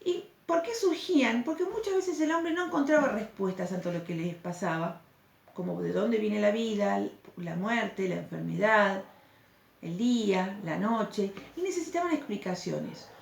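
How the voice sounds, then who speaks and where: A woman's voice: medium pitch, animated, unhurried, vocal fry. A woman teacher, patiently explaining a recorded lesson and checking in with the class through questions. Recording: echoey room, faint background noise.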